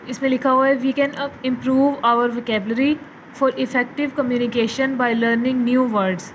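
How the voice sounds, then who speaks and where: A woman teaching an online English class. Her voice sits a little high. She reads each word slowly, then explains it patiently, with a faint hum of room noise behind her. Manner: slow, careful reading of English words, then explaining in Urdu-Hindi.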